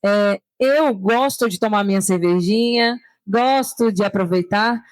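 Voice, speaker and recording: A woman's voice: medium pitch, a little slow, dry recording. A Brazilian woman on a panel, chatty and friendly, sharing practical tips for traveling alone. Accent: Brazilian Portuguese. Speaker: panel guest, solo traveler. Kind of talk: casual panel conversation. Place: stand at a tourism fair.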